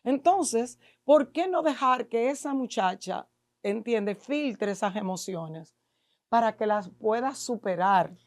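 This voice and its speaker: A middle-aged woman with a Dominican accent speaks as a podcast guest, pressing her points with rhetorical questions. Her voice sits a little high, and it is recorded close and dry in a studio. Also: expressive, slow pace, no echo. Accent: Dominican Spanish. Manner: emphatic, lecturing with rhetorical questions. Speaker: guest expert in neuro-linguistic programming. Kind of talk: podcast interview explaining to an audience.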